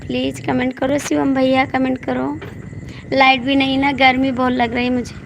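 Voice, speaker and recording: Hoarse woman livestreamer, high and slow, gravelly, crickets loud behind. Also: level tone, noisy background. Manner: pleading, coaxing, repeats requests. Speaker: folk singer hosting a live stream. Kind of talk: casual live-stream chat with viewers. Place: indoors at night with the power out.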